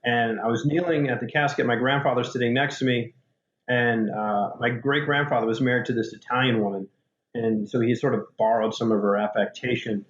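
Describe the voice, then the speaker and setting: A man's voice: medium pitch, fairly even intonation, brisk. Man as interview guest, frank and darkly funny, roomy and slightly muffled audio. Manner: candid, dark-humored storyteller with many restarts. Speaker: author and paramedic guest. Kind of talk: storytelling in a podcast interview.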